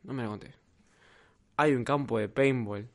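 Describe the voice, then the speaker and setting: A young man with an Argentine accent hosting a comedy podcast sketch, excitable and full of slang. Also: mid-range voice, normal speed, creaky. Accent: Argentine Spanish. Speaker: podcast host.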